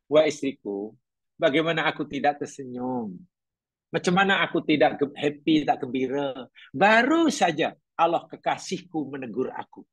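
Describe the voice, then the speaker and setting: A man voicing a pious husband in a told religious story, speaking gently and reassuringly. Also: a little high, animated, moderate pace, breathy edge, no room sound, exaggerated voice. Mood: serene. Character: pious devoted husband, calm and content.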